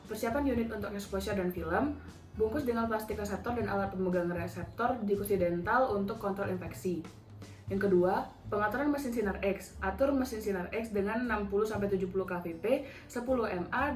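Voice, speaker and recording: A young woman studying dentistry demonstrates a radiography procedure, working methodically through numbered steps as an instructional skills demo. She speaks politely to a role-play patient in a mid-range voice, and the room is reverberant.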